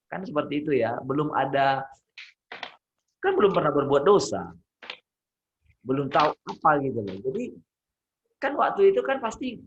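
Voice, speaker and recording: A man leads a Bible study over a video call, teaching in a loose conversational way, pausing to hunt for words and throwing questions back at his listeners. His voice sits at a middling pitch, and the call audio is dull and lo-fi. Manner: conversational, asks the group questions, gropes for words.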